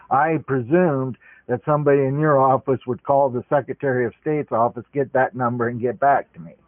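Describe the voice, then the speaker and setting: A man's voice: mid-range voice, no room sound. Brief: man talking over the phone, polite and methodical, thin dry phone-line sound. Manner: polite, methodical, explains at length. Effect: heard over a phone line. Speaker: caller. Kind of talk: phone call. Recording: tinny dry phone call recording.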